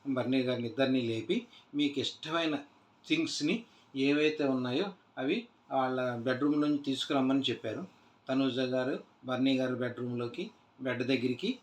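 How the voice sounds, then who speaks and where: A man casually recapping a reality show episode, retelling scenes loosely with many "aa" fillers and restarts. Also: medium pitch. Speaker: TV show reviewer. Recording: echoey room.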